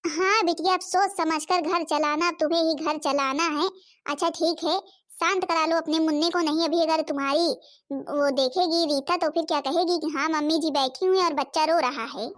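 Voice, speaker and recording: A woman's voice: high-pitched, fairly even intonation, moderate pace, a bit bright. A woman voicing a fussy older mother who gives advice over the phone in a cartoon. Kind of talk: cartoon voice acting.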